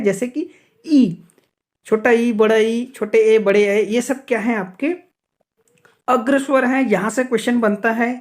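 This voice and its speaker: Here a high-pitched man from Chhattisgarh, India, gives a grammar lesson aimed at exams. He keeps questioning and answering himself, checks in with frequent "okay"s, and spells out sounds slowly, one by one.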